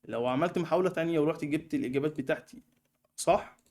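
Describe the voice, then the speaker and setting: A young Egyptian man talks through a software tutorial at a breakneck pace, chatty and full of fillers. His voice sits a little high yet sounds dark and mellow. Keyboard typing clicks in the background. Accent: Egyptian Arabic. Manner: fast, chatty explaining with many fillers. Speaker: online course tutor. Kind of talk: screen-recorded software tutorial.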